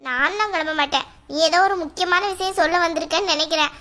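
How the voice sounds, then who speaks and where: A woman's voice: extremely high pitch, fast talker, sharp tone. A woman voicing a cheeky, mocking young sister in a cartoon, teasing and sarcastic. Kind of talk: cartoon voice acting.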